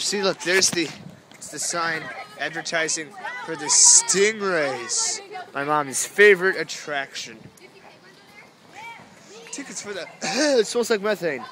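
A man's voice: on the high side, pushed and bright. Chatty young man filming in a noisy crowd. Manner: chatty, rambling, easily amused. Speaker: vlogger. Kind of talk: casual walking commentary. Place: outdoor zoo light display at night. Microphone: handheld camera. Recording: noisy crowded outdoor camera audio. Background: crowd chatter and outdoor noise.

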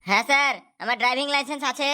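A woman's voice: sits high, rapid-fire, bright, forceful tone. A woman voicing a polite young male rider in a cartoon, answering a police officer.

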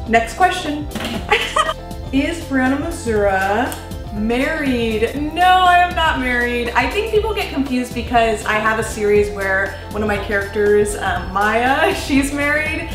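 A young woman in her twenties answers fan questions at home for a casual Q&A vlog, bubbly and giggly, with lots of "like" and "um." Her voice is fairly high and animated, moving at a moderate pace with few pauses. She sits away from the mic, so the room echoes, and faint music plays underneath.

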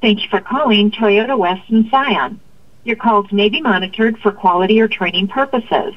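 Recorded phone message lady, formal and even, dull lo-fi line. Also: mid-range voice, normal speed. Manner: even, formal announcer delivery. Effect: recorded phone message heard over a car speaker. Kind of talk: scripted automated greeting.

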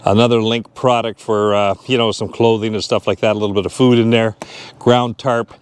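With a lapel mic clipped to his shirt, a fifty-something vlogger jokes and chats while narrating outside at a boat launch and gas station. His voice is on the low side with little pitch movement and a slightly fast pace, and the tone is clean with no echo.

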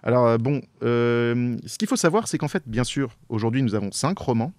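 A man, a podcast guest, explaining a topic in casual chat, hesitant with frequent pauses. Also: medium pitch, animated, darkish tone, dry recording. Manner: hesitant, many fillers and restarts.

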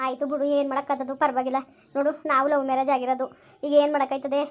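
; a woman plays a soothing, persuasive sister-in-law, high and flat. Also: racing, lightly acted. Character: kind, reasonable young sister-in-law and wife. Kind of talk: amateur village drama.

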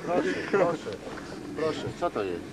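A man's voice: a little high, sing-song, normal speed, a loud crowd. A man in casual, joking, colloquial chat outdoors at a camp. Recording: very noisy outdoor home camcorder.

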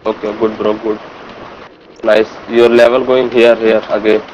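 A man's voice: on the low side, flat delivery, a little slow, a little mellow, low-quality recording. A man with an Indian accent chatting casually with teammates in an online game, often repeating short phrases. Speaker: squad gamer. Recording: game voice chat, faint noise.

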